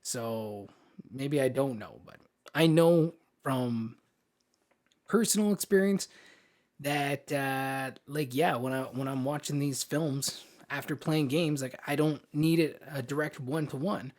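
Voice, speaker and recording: A man co-hosting a film podcast takes his time, speaking slowly in a mid-range voice with a darkish tone. He's casual and informal but emphatic about his views.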